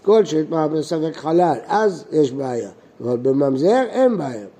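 A man teaching Talmud, with a fairly high and very lively voice that rises and falls as he poses questions to himself and then answers them. His tone is mellow and a little husky. He reads a passage, then explains it in plain words. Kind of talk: explaining a text line by line.

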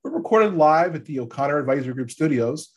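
Congested, gravelly man hosting a sports podcast. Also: on the high side, lively intonation, fast talker. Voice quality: gravelly, stuffy from allergies. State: congested from allergies. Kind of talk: casual sports podcast chat. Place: podcast studio.

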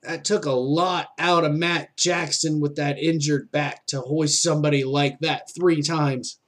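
A man calls wrestling play-by-play as an excitable commentator, shouting at the big moves with informal, fan-style reactions. His voice sits a little high and his pace is a little slow.

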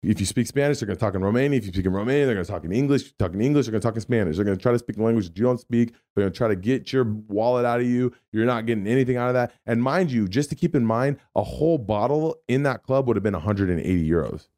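A man co-hosting a podcast, telling a story in a rambling, animated way with lots of fillers. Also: mid-range voice, racing, few pauses. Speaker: podcast co-host. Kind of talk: casual storytelling chat.

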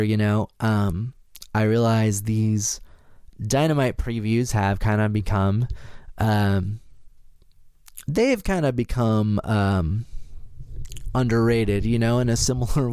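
A man's voice: medium pitch, a little mellow, smooth, no room sound, clean studio sound. A man hosting a podcast, casually introducing things in a hesitant, rambling way full of asides. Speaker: podcast host.

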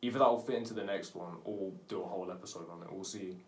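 Young male co-host, slangy and laid-back, low voice, echoey distant recording. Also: rapid-fire. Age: young adult. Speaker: podcast co-host. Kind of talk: casual chat. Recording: roomy echo, far from mic, faint noise.

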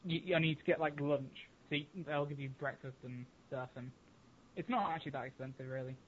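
An English-accented man talking as a podcast guest, hesitant and often starting over. His voice sits a little high, and it comes through thin like a phone line with a faint hiss behind it. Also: fairly quick. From England. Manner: hesitant, restarts a lot. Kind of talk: casual chat.

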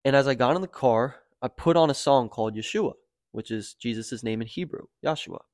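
A man's voice: fairly quick, no echo, studio quality. Young American man telling a story. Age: young adult. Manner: animated, rising to near-shouting at high points, lots of "like" and "dude". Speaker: guest. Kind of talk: casual podcast storytelling.

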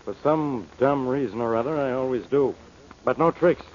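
A man acting a blustery, easily exasperated police inspector from 1940s radio. He is gruff and bossy in a medium-pitched voice on a muffled old recording. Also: normal speed, a little mellow, slight background noise, close to an everyday voice. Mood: stern, wary.

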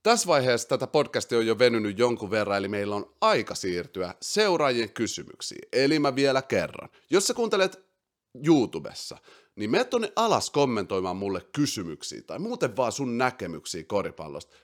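Male podcast host, low voice, very animated, slips into English slang. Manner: excitable, swings loud and quiet; mixes English slang into speech. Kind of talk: casual basketball chat.

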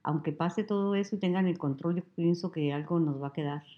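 A woman's voice: lowish voice, brisk, lo-fi sound. A Mexican woman telling stories in a casual interview, acting out what people said to her. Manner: animated storyteller who acts out quoted dialogue. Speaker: guest. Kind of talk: casual conversation.

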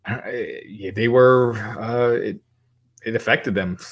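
A man's voice: on the low side, slow pace, husky. A man in his forties co-hosting a podcast, talking casually with frequent hesitations. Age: 40s. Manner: hesitant, many ums and uhs. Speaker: podcast co-host. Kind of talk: casual wrestling talk chat.

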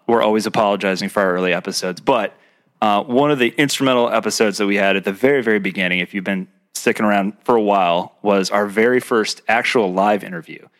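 A man's voice: lowish voice, a bit bright. A man co-hosting a podcast, rambling a little as he introduces a guest. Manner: rambling, many fillers. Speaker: podcast co-host. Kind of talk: casual interview chat. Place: home, indoors.

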